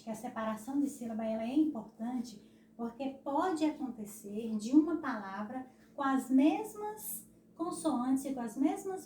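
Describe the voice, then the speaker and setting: A woman's voice: on the high side, a little mellow, slight background noise. Brazilian teacher woman, echoey and distant. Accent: Brazilian Portuguese. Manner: slow, syllable-stressing explanations with frequent "né?". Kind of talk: recorded classroom lesson.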